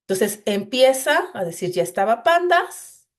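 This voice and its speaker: A woman leads a coding class over a shared screen. Her voice sits a bit high, and she walks students through each step in a patient, explanatory way, leaning on "entonces" as she goes. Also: very animated, measured pace. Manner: explanatory, addresses students directly with frequent "entonces". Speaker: instructor.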